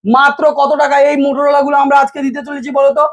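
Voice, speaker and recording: Man from West Bengal, very high pitch, fast hawking salesman patter with playful price teases. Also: little pitch movement. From West Bengal, India. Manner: hawking, teasing the viewer with rhetorical price questions. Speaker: phone shop salesman. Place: inside a mobile phone shop.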